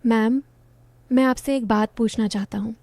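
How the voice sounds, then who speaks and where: A woman's voice: a little high, steady tone, normal speed, a little mellow, no echo, close to an everyday voice. An earnest young male student, voiced by a woman storyteller. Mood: earnest, tender. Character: young adult man, an infatuated, earnest student.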